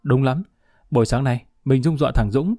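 A man's voice: mid-range voice, moderate pace, dark tone, no echo, clean studio sound, faint music behind, lightly acted. A man voicing a jovial senior police commander who talks in a hearty, teasing way. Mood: eager.

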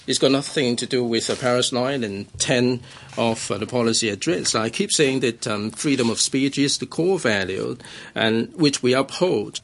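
Give me a man doing live, halting simultaneous interpretation. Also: mid-range voice. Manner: halting, filled with ums and uhs while rendering speech.

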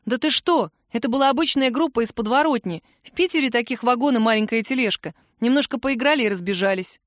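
A woman's voice: on the high side, fast talker, no echo, clean studio sound, lightly acted. A woman reader voicing a guarded young woman who answers in curt, clipped lines.

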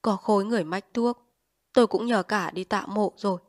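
A woman's voice: mid-range voice, brisk, close to an everyday voice. A woman voicing a poor, grieving peasant husband who talks bluntly in plain country speech, weary and urgent, in a storybook reading.

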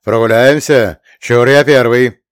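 A man voicing a nervous male postman aboard a spacecraft in an audiobook story, talking briskly. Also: mid-range voice, steady tone, dry recording, clean studio sound, lightly acted. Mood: nervous eager.

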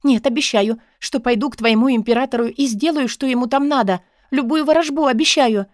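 An impulsive young witch girl pleads and exclaims in a high, eager voice, as a woman narrator puts her on. Her lines come out loud and breathless with hope. The recording is close and dry, like an audiobook. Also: fairly quick, dry recording, lightly acted. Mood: eager pleading. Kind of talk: audiobook character voice.

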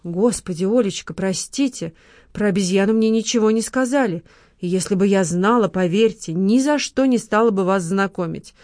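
A woman's voice: mid-range voice, moderate pace, a little mellow, no echo, clean studio sound, natural voice. A woman voicing a chatty, proud beautician with a fussy, gushing manner.

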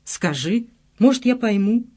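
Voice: medium pitch, lively intonation, measured pace, pitched above the performer's own voice. A reader doing a bitter young ex-soldier. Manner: bitter, shouting in pain. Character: young man, hurt and angry ex-soldier. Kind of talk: audiobook character voice.

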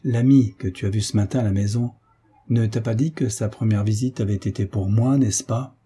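A man's voice: fairly low pitch, fairly even intonation, moderate pace, mellow, husky. A man voicing a joyful older sailor, a veteran uncle who speaks in hearty exclamations.

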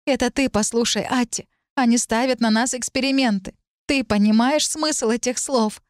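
Woman narrator doing a panicky young girl, way up high, breathless and pleading. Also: steady tone, normal speed, no echo, studio quality, natural voice. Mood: desperate. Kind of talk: audiobook character voice.

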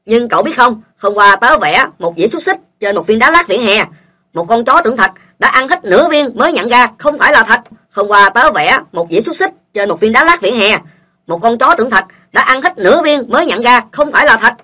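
A woman's voice: fairly high pitch, expressive, brisk, sharp tone. A woman reading short funny stories aloud and voicing their characters. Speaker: joke reader.

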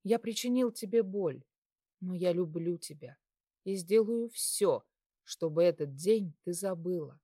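Tender, possessive male texter for a read-aloud story, woman reader, quiet and slow. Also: fairly low pitch, dry recording, clean studio sound. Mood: soft intimacy.

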